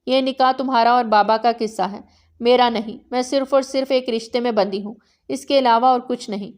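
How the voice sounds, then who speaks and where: A bitter young bride voiced by a woman answers sharply and firmly. The voice is fairly high. Her lines are read out in a novel narration. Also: steady tone, lightly acted. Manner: sharp, defiant.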